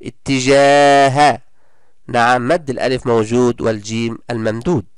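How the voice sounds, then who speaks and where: A man with a smooth, mid-range voice teaches primary schoolchildren in a recorded lesson, encouraging them and praising them often. He draws out example words slowly, and the studio-quality audio has no echo.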